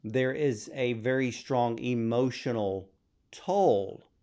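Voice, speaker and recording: A man conducts an interview at an even, measured pace, building up long questions. He praises the work openly before he puts the question to his guest. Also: mid-range voice.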